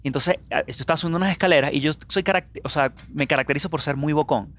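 Fast-talking young man telling stories. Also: a little high. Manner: animated storyteller, many fillers. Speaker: guest musician. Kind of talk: casual interview chat.

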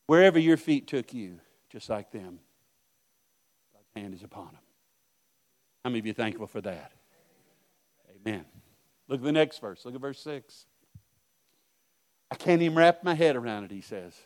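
A middle-aged male pastor preaching a sermon, telling stories and swinging from hushed asides to loud outbursts. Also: on the low side, lively intonation, normal speed, pauses often.

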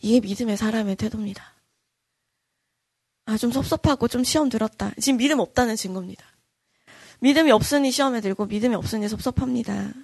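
A woman's voice: on the high side, fast talker, vocal fry, long pauses, a little mellow, husky, dry recording, studio quality. A woman pastor preaching an earnest dawn-service sermon, acting out quoted voices and repeating lines for emphasis.

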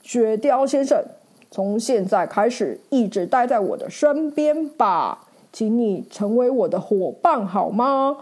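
A woman voicing a brave, cheerful male knight who exclaims with excitement. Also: sits high, slow pace, full character voice. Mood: excited.

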